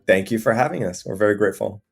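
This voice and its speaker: A man from Miami with a notably deep voice talks through an interview in a relaxed, conversational way. He strings his thoughts together loosely, with plenty of "you know" fillers as he goes. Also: fast, gravelly, breathy edge, faint music behind. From Miami, USA. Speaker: guest, resort owner.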